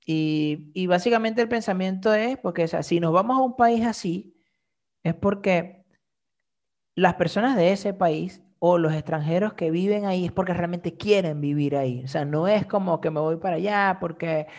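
Hombre joven venezolano, voz rasposa. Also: male voice, high voice, moderate pace. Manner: animated, slangy, frequent filler "o sea". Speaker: interview guest, migrant living abroad. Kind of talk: casual conversational storytelling.

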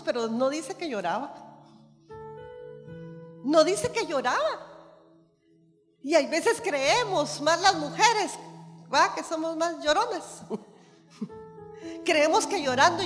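Woman preacher, high voice, reverberant hall, soft music behind. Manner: emphatic, repetitive preaching with calls of amen. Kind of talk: sermon.

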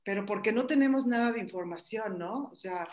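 A woman with a Mexican Spanish accent, a mother telling her personal story in an animated, emotional way. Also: mid-range voice, a little fast, background noise. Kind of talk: personal testimony in conversation.

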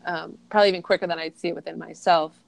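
Gravelly-voiced woman, rambling and reflective. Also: lowish voice, fairly even intonation, rapid-fire, poor audio. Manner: rambling, heavy use of "like". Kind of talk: reflective casual conversation.

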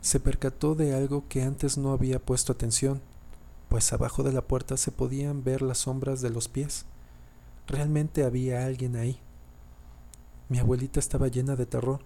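A man narrates a scary family story in a low, mellow voice. His delivery stays flat and even, and he often trips over lines and starts them again. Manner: reads haltingly, often restarting and repeating sentences. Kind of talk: scripted horror story narration.

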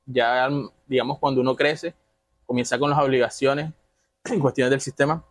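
A man speaks with a Colombian Caribbean accent in an easygoing, talkative manner, recalling his story. His voice sits at an ordinary pitch, and the recording is close and dry with no room sound. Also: normal speed, no echo. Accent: Colombian Caribbean Spanish. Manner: relaxed, chatty storytelling with frequent laughs. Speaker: podcast guest. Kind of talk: casual conversational interview.

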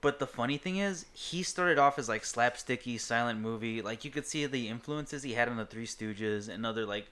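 A man co-hosting a podcast, chatting in an excitable, rambling way. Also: mid-range voice, moderate pace, hardly any pauses. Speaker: podcast co-host. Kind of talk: casual chat.

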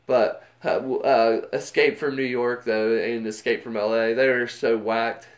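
A man's voice: medium pitch, steady tone, unhurried, reverberant. A man co-hosting a podcast, chatting loosely about movies, swearing freely and acting out lines. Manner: loose, profane riffing, acts out movie lines. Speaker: podcast co-host. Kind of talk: casual chat.

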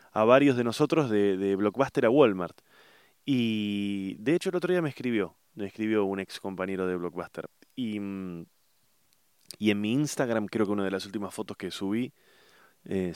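A middle-aged man with an Argentine Spanish accent rambles casually to his viewers, stopping often to hunt for words. His voice sits low and comes across smooth and resonant. The sound is dry, with no room echo. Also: darkish tone. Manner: hesitant, searching for words, many fillers. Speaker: vlogger.

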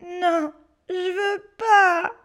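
High whiny little boy, acted by a woman, cheeky then scared, slow pleading. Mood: whining.

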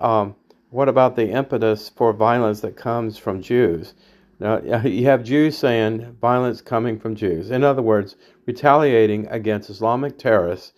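A man's voice: medium pitch, darkish tone. A man giving a rambling, opinionated political monologue, hesitant and full of fillers and restarts. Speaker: political commentator.

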